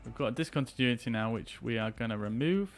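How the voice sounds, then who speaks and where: A man's voice: medium pitch, animated, fast talker, vocal fry, soft background music. A man streaming a flight simulator as an airline pilot, giving casual running commentary and making his own radio calls.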